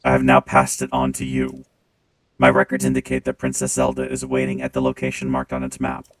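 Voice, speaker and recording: A man voicing a calm, dutiful male robot steward through a robot voice filter, speaking formally. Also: a bass voice, pitched below the performer's own voice, low-quality recording. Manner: formal, measured, reminiscing. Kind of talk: gameplay stream reading game dialogue.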